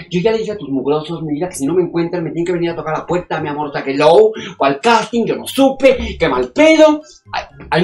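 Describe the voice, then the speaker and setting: A woman voicing a loud, vain diva actress who name-drops and talks down to everyone, over faint background noise. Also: lowish voice. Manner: loud, brassy, name-dropping, fussy.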